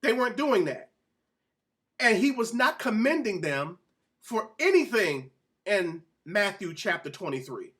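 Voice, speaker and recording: A man with a high, slightly bright voice presents an informal Bible-teaching sermon. He speaks emphatically, repeats phrases, and puts questions to his listeners.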